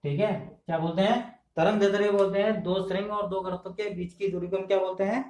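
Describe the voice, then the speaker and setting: A man with a fairly high voice teaches an exam-prep class, posing questions and answering them himself. He repeats key terms to drill them in. The sound bounces around the room he is filmed in. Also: steady tone, fast, a little mellow. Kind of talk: classroom lecture. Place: indoor room filmed on camera. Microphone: camera mic. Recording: echoey room.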